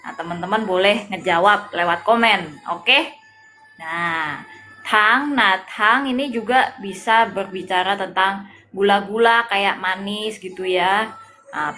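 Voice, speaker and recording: A young woman teaching Mandarin in a live-streamed lesson, explaining slowly and patiently, often pausing on "nah" and "ya". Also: mid-range voice, sharp tone, slight background noise.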